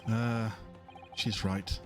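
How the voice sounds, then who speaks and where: A man's voice: lowish voice, little pitch movement, drawn-out words, over music. A man hosting a stream, chatting casually and jokingly while reading a game with friends. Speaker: streamer, host.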